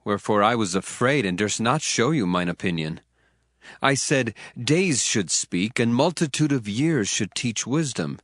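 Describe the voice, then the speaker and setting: In an earnest dramatized scripture reading, a man gives voice to Elihu, an indignant young man eager to speak, building his emphasis as he goes. The man's voice is medium-pitched and fairly bright, recorded dry with no echo and faint music underneath.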